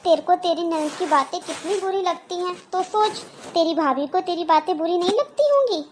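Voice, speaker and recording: Wise aunt, gently lecturing, high-pitched, cartoon, woman acting it. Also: expressive, moderate pace, a little hiss or hum. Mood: advising. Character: wise kindly aunt, calm and advising.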